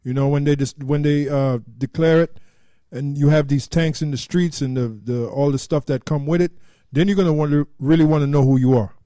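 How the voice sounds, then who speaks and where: Man, mellow dark voice, ominous warning, a bit distant from the mic. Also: a little high, fairly even intonation, a little fast, dry recording, clean studio sound.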